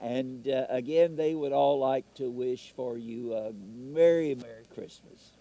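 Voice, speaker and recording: A man's voice: mid-range voice, measured pace, dark tone. A man, reading out sponsor greetings on a live parade broadcast in a folksy, chatty way. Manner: folksy, chatty, laughs between lines.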